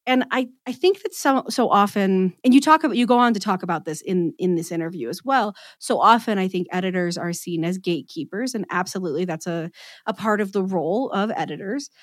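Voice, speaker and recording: Woman podcast host, mid-pitched, talkative, joking at her own expense. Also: brisk, no room sound. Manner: chatty, animated, self-deprecating humor. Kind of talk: casual interview.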